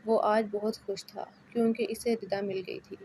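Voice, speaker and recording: Woman, novel narrator, scripted narration, flat monotone, faint hiss. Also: medium pitch.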